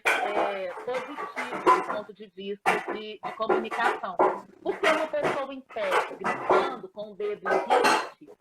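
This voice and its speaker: Woman coach, higher-pitched, explanatory with hesitant fillers, hiss-heavy online call audio. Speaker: professional coach, guest. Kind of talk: explaining in a live online chat. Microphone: video call.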